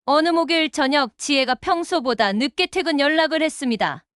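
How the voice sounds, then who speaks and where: A woman narrating a dramatic family story in a steady scripted storytelling voice, reading every part herself. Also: high voice, fairly quick, no room sound, clean studio sound. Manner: reads all parts in one steady voice.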